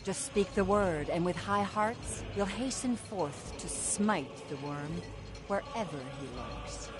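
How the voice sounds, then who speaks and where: A fierce warrior spirit. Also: female voice, fairly low pitch, animated, slow pace. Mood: resolute. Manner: fierce, rousing. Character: fierce female warrior spirit eager for battle. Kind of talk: video game voice acting. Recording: game audio under very loud music.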